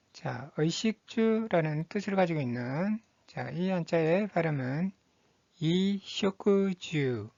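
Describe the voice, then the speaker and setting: A woman teaching Japanese vocabulary, reading each word slowly and repeating it twice in a patient, methodical drill. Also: lowish voice, a little mellow, no echo, muffled recording. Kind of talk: slow, deliberate vocabulary drill.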